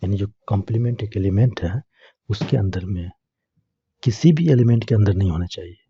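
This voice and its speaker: A man's voice: on the low side, brisk, dark tone, highs cut off, a little hiss or hum. A man teaching English grammar, explaining it step by step and answering his own questions to the class. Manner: repeats questions to students and answers them himself.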